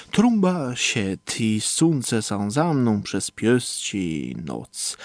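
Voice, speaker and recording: A man narrating a first-person story in a measured, low-key way. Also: no room sound, clean studio sound.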